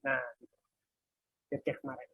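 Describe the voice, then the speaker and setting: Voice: normal speed, pushed and bright, dry recording. A workshop instructor casually talking through a live coding example, thinking aloud while typing and muttering asides. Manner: casual, light laughs at own mistakes.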